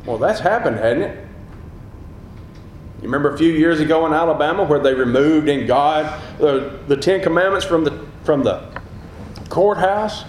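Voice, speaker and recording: A man's voice: on the high side, lively intonation, normal speed, roomy sound, a little hiss or hum, rough recording. A middle-aged man preaching a sermon, rising in emphasis on key phrases. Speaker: pastor.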